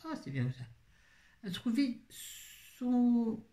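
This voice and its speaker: This woman's voice is fairly high-pitched and mellow, very animated, with drawn-out words. As a book vlogger she chats casually about books to her viewers, rambling and often interrupting herself. The recording has a roomy echo.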